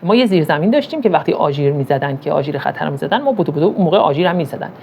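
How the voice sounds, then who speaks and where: A woman's voice: deep voice, animated, gravelly, darkish tone, a little hiss or hum. Emphatic Iranian woman giving a motivational talk. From Iran. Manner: rhetorical questions, storytelling, emphatic. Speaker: motivational speaker on parenting.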